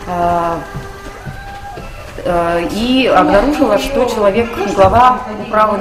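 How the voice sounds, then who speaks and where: A woman giving an indignant eyewitness account as a complainant during a confrontation. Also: mid-range voice. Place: indoors, government office. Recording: echoey room with people around.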